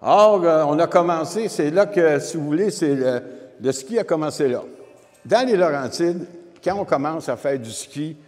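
Speaking into a handheld microphone, this Québécois historian in his seventies delivers a casual, explanatory history lecture straight to his audience. He's animated at a moderate pace, his voice high-ish and darkish, with faint music behind him. The wood-panelled room makes everything reverberate.

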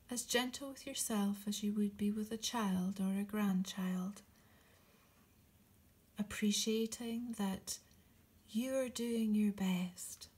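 Short, encouraging phrases with long pauses between them mark this woman's very slow meditation guidance. Her soft, breathy, mid-range voice often drifts toward a whisper, and the delivery stays gentle and soothing.

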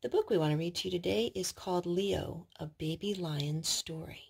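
A parent's fairly low, gravelly voice, darkish in tone with a breathy edge, carries a storytime for young children in her living room. She speaks at a normal speed, reading, singing, and asking the kids simple questions meant to teach.

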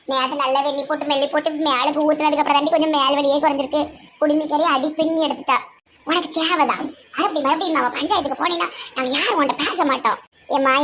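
Woman, Tirunelveli Tamil accent, very high voice, fast talk, chatty and teasing. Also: a bit bright, slight background noise. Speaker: comedy sketch performer. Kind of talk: village comedy sketch.

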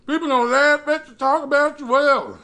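Male eating-show host, bright forceful voice with gravelly edge, preaching motivation between chews. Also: extremely high pitch, steady tone. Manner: chewing and eating while talking; emphatic, preacher-like delivery with dramatic pauses. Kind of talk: motivational talk to camera. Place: small indoor room.

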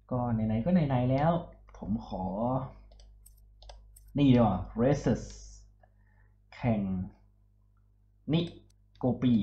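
A man giving casual, chatty commentary while playing a video game, getting excitable during races. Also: medium pitch, echoey room, highs cut off. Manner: chatty, excitable when racing. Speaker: gaming YouTuber.

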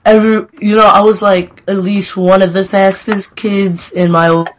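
A man's voice: high-pitched, flat delivery, moderate pace, fairly bright tone, slight background noise. A young man in casual chat, joking and laughing as he tells a school story. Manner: joking, teasing, laughs often. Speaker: podcast co-host.

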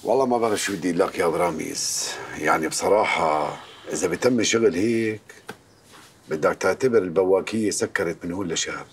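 A calm Syrian bookkeeper in a TV drama, laying out his findings in an even middle voice. He talks at a brisk pace over faint background noise. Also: sits low. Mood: matter-of-fact. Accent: Syrian Arabic. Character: accountant friend, calm and matter-of-fact. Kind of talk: TV drama acting.

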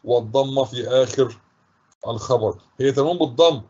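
A man teaching a grammar lesson to schoolchildren with an Egyptian accent, patiently reading example sentences slowly and repeating them. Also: medium pitch, darkish tone. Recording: husky voice, dull lo-fi recording.

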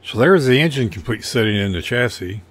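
A man's voice: medium pitch, expressive, a little fast, a bit bright, breathy edge. An older man casually narrating his model car build over photos, rambling and folksy with a self-deprecating humor.

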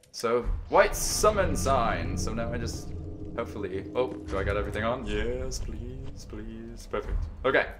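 A man giving let's play commentary, muttering quietly and then yelping, screaming and laughing when startled. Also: on the low side. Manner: quiet, mumbled asides between outbursts. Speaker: gaming channel host. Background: game music.

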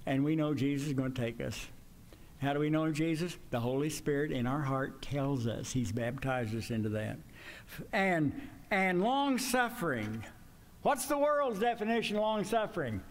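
Older male preacher, slightly high-pitched, folksy and conversational, speaking from the pulpit into a stand mic. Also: animated, moderate pace, a little hiss or hum. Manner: folksy, conversational, pitch swings up when emphatic. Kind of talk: sermon. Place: church sanctuary with pews.

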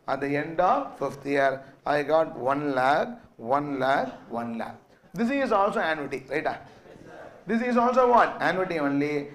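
Higher-voiced South Indian man lecturing. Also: a bit bright. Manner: repetitive, asks and answers own questions. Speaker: finance lecturer. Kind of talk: classroom lecture with dictation and check questions.

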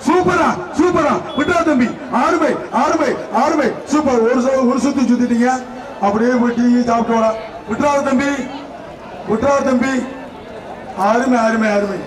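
A man with a Tamil Nadu accent giving excited, repetitive live commentary at a bull-taming event, shouting and urging people on over a loudspeaker. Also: very high voice, normal speed. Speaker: jallikattu commentator. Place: outdoor bull-taming arena. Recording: distant echoey PA, noisy crowd. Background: crowd noise.

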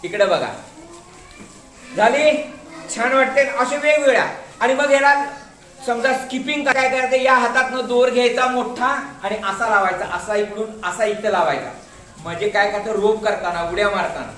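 A man's voice: very high-pitched, moderate pace, sharp tone. Man teaching a craft class, echoey room. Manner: patient, repeats instructions and keeps calling attention to the demonstration. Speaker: school teacher. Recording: roomy classroom echo.

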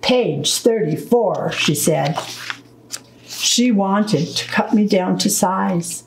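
Slow, gravelly woman reading a storybook. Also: medium pitch, reverberant, background noise. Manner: slow, deliberate, gentle storytelling. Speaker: storytime reader. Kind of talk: reading a children's book aloud.

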